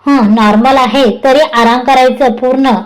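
A woman reading the lines of a caring young husband who scolds and teases his wife, in her own high voice. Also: steady tone, moderate pace, natural voice, rough recording. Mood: worried, scolding. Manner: scolding and teasing.

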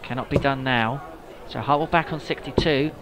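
A man giving live darts commentary in a measured, informative way. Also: mid-range voice, a bit bright, some chatter behind.

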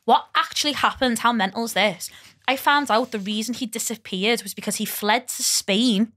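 A young woman with a Liverpool accent, a podcast guest telling stories in casual chat, swearing freely and laughing often, recorded on a close boom mic in a small studio. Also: moderate pace, a bit bright. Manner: chatty, laughing storyteller who swears freely.

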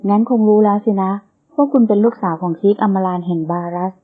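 A woman's voice: mid-range voice, fast, natural voice. A woman reading the part of a confident, possessive young male sheikh in an audiobook novel, speaking firmly and teasingly. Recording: tinny phone-like sound.

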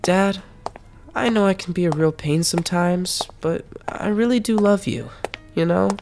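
A woman's voice: lowish voice, unhurried, over music. A woman voicing an anxious but brave young boy in a comic dub, earnest and hesitant. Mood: apologetic.

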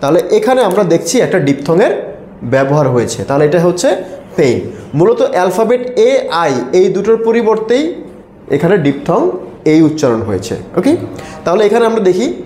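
A man's voice: high-pitched, very animated, moderate pace, dark tone. A man with a Bangladeshi Bengali accent teaching English pronunciation to a live class. He quizzes the students and has them repeat words after him. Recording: echoey classroom.

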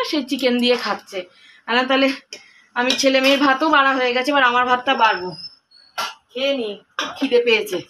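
A woman's voice: high voice, bright, forceful tone, slight background noise, poor audio. A woman, chatting casually at home about her day in a rambling, homely vlog style. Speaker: homemaker vlogger. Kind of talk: casual daily-life vlog narration. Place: at home, indoors.

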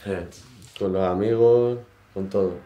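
A man in his twenties, a barber, chatting casually while shaving a client in his small shop, in short relaxed phrases. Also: on the low side, measured pace, lo-fi sound. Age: 20s. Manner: relaxed, modest, talks in short trailing phrases. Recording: roomy shop echo, faint noise.

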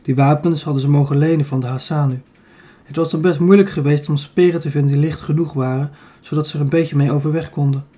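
A man narrating a children's audiobook in a calm, even storytelling manner. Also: on the high side, fast, slightly rough.

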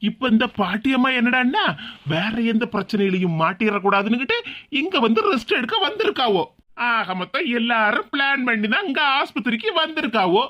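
A woman's voice: fairly high pitch, lively intonation, fairly quick, dull audio, close to an everyday voice. A woman voicing a baffled young male doctor with a Tirunelveli Tamil accent, who speaks in a puzzled way and mutters asides.

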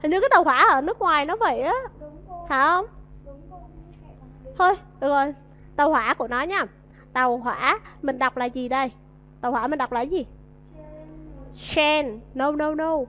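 Vietnamese lady teacher, high voice, keeps quizzing the class, kinda dull lo-fi audio. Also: moderate pace, long pauses. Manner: coaxing, questions the class and drills pronunciation. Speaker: English teacher. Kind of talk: classroom vocabulary lesson.

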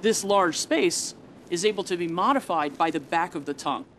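A woman's voice: fairly low pitch, moderate pace, a little hiss or hum. A woman scientist giving a plain-worded, step-by-step explanatory demonstration for a documentary.

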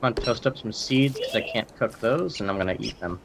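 A man's voice: lowish voice, fairly quick, vocal fry, heavy background noise. A man playing a co-op game with friends, teasing them playfully and slipping into silly voices. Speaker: co-player. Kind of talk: casual gaming chat.

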